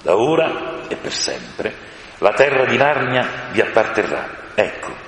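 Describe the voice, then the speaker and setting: A man voicing a great male lion, speaking slowly and gravely, stern yet glad, in a storybook reading. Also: lowish voice, big pitch swings, a crowd in the background, exaggerated voice. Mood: solemn. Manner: slow, grave, commanding. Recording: echoey room with long reverb.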